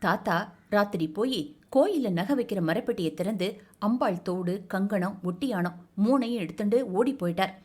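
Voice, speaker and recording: A woman's voice: medium pitch, moderate pace, darkish tone, slightly rough, lightly acted. A woman voicing a short, half-mad grown man who talks like a child and babbles eagerly and insistently. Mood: eager babbling.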